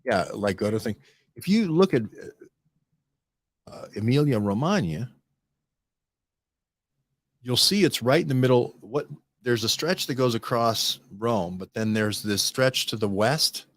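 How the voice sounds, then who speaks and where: A man hosting a casual studio discussion, rambling and animated, often restarting and checking in with "right?". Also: medium pitch, unhurried, pauses often, no echo. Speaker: host.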